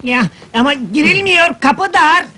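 Cheeky sidekick in drag. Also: male voice, extremely high pitch, expressive, a little slow, bright, forceful tone, full character voice. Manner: cheeky, bossy, mock-feminine exclamations. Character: scheming young man in drag, Şaban's sidekick. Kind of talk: 1970s film comedy acting.

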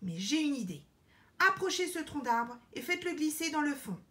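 A woman voicing a wise, calm female bonobo queen who speaks firmly and reproaches gently. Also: high voice, moderate pace, voice pushed up, full character voice. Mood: resolute.

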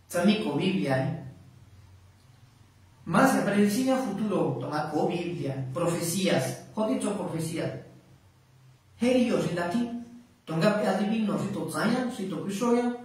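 A man's voice: sits high, darkish tone. A man preaching a sermon, switching between Mazatec and Spanish, with rising questions and lots of repetition. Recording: echoey room, voice far from mic.

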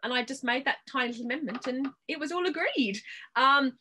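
A woman's voice: high-pitched, brisk, bright, forceful tone, a little hiss or hum. A woman theatre producer on a video call, talking candidly on a panel with lots of fillers. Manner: candid, chatty with many fillers. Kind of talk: casual panel talk.

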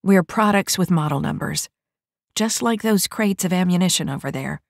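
A woman's voice: lowish voice, animated, normal speed, vocal fry, dry recording. A woman voicing a seasoned female mech soldier who talks in a dry, matter-of-fact way, in an audiobook. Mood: wry.

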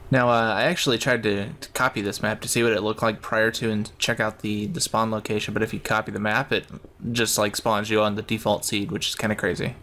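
A man's voice: lowish voice, level tone, a little fast, few pauses, a bit bright, a little hiss or hum. A man giving casual gameplay commentary, thinking aloud in a rambling way. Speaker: gamer narrating his own play.

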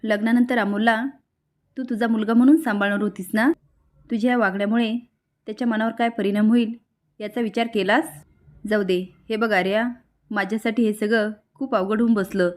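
A woman's voice: on the high side, fairly even intonation, a little fast, lightly acted. Woman narrator as a curt young cop, troubled, in a storytelling recap. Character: stern young man, a police officer in love.

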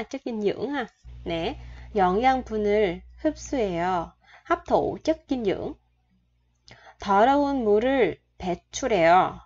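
A Vietnamese-speaking woman teaching Korean vocabulary and grammar, patiently repeating each word and asking her viewers questions. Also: medium pitch. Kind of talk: explaining vocabulary and grammar to learners. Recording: dull lo-fi sound.

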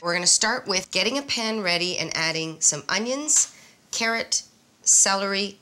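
A woman's voice: mid-range voice, lively intonation, moderate pace, pushed and bright. Upbeat woman chef coaching a cook. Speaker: cooking show host and chef. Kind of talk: cooking show instruction and voice-over. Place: home kitchen, indoors. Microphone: lapel mic. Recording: music bed under the voice. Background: music.

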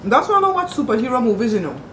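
A woman's voice: a little high, very animated, racing, a bit bright, distant mic. A woman hosts an eating video and talks with her mouth full of chicken. She chats in a candid, easygoing way. Her voice sits back from the mic in a roomy space with a faint hum of noise behind it. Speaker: mukbang host. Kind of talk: casual chat while eating on camera. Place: home, at a table.

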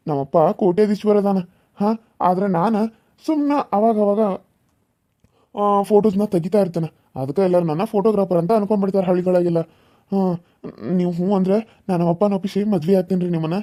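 A man's voice: sits high, warm tone, lightly acted. A man voicing a lovesick, boastful young suitor in a cartoon serial, talking eagerly. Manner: eager fawning.

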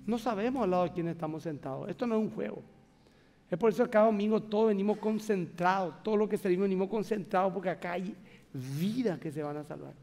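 Paraguayan pastor guy preaching, high voice, chatty and emphatic, big church echo. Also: fast, gravelly, a little mellow, a little hiss or hum. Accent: Paraguayan Spanish. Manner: emphatic, conversational, addresses the congregation directly. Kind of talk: sermon. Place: large church sanctuary.

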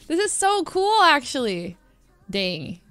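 A woman's voice: sits high, a bit bright, no echo. Giggly woman on livestream headset audio. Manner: giggly, reads names aloud and reacts. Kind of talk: casual reaction commentary. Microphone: headset mic.

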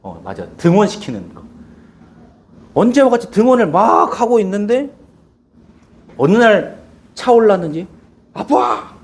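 A man's voice: high-pitched, moderate pace, pauses often. A male pastor preaching a sermon in a church, telling stories animatedly and acting out quotes. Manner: animated storytelling with acted quotes.

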